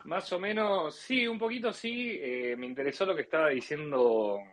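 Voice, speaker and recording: An Argentine man with an Argentine accent phones into a live audio discussion on politics, speaking casually and often hesitating before rephrasing. His voice is slightly high and moderately paced, with a crowd audible behind him. The close, dry online chat mic captures dull, lo-fi audio.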